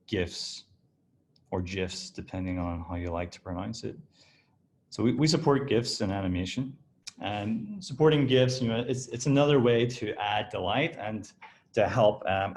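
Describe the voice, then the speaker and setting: A man giving a relaxed, explanatory software walkthrough as a design director, often restarting his phrases as he clicks through a demo. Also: on the low side. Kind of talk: screen-share software walkthrough.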